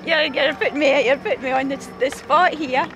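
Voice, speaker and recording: A woman softly reminiscing in a street interview. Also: high-pitched, fairly even intonation, fairly quick. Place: outdoors on a street. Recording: street noise and traffic.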